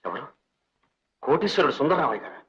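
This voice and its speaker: A man's voice: medium pitch, sing-song, a little fast, a bit bright. An actor playing a young doctor, a former servant's son, who speaks respectfully and earnestly to his old benefactor. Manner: respectful, earnest, emotional pleading. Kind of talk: 1960s Telugu film drama. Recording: dull old film soundtrack with music.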